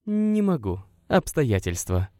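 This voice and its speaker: A man reading aloud voices a gentle, pleading young woman visitor in a spoken story. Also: medium pitch, big pitch swings, slow pace, dry recording, clean studio sound, voice pushed up. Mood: coaxing. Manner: soft, pleading, lilting.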